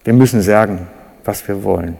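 German preacher in an echoing hall. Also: male voice, normal speed, gravelly, husky. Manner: animated, acts out cries and quotes with sudden loud high bursts. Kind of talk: sermon. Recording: reverberant hall.

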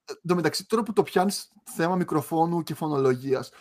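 Young greek guy chatting, laughs a lot. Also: on the high side. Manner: relaxed, laughs often, trails off mid-sentence. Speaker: podcast co-host. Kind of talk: casual chat.

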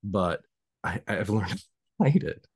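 A man's voice: on the low side, big pitch swings, a little slow, a little mellow, slightly rough, dry recording, clean studio sound. A man with a Southern US accent hosting a casual podcast interview, rambling and self-conscious with many restarts. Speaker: podcast host.

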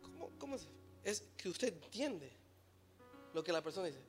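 A man preaching a sermon, swinging from soft, low musing to loud shouting and slipping in short English phrases. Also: big pitch swings, normal speed, husky, soft background music.

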